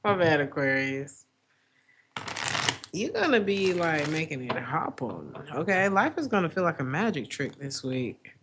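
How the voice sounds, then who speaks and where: A woman with a raspy smoker's voice, chatting casually and playfully as she gives a live tarot reading. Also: low voice, very animated, measured pace, fairly bright tone, slight background noise. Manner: playful, breaks into song lyrics and acted asides. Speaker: tarot reader hosting a livestream.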